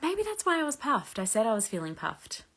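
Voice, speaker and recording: A woman's voice: fairly high pitch, huge pitch swings, fairly quick, fairly bright tone. A woman in her thirties from Australia, hosting a casual live chat and answering viewer questions, chatty and full of "like" fillers. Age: 30s. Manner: chatty, frequent "like" fillers, laughs lightly.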